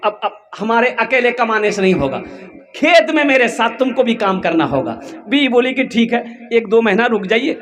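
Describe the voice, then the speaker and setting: A man preaching in a high, carrying voice with a Kolkata Hindi-Urdu accent. He tells a moral tale as a sermon, acting out each character with sudden leaps in pitch and bursts of intensity. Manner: animated storytelling, acting out voices with big pitch jumps. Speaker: Islamic preacher. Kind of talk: storytelling sermon.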